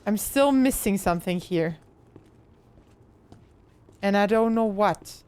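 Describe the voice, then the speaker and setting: A woman's voice: medium pitch, animated, takes it slowly, a little mellow, clear, resonant tone. A young woman streaming a horror game, chatting casually, swearing and yelping when startled. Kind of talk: casual live gameplay chatter.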